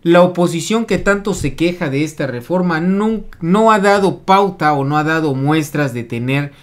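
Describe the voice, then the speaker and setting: A YouTube news commentator with a medium-pitched voice. The delivery is casual and rambling, full of hesitations and restarts, as the speaker sets up a clip for viewers. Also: lively intonation, moderate pace.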